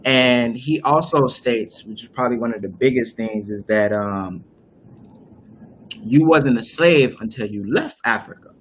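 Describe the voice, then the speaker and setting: A man's voice: mid-range voice, measured pace, a little hiss or hum. A young man hosting a casual discussion on a live video call, explaining at length with many fillers and restarts. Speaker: host. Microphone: webcam on a video call.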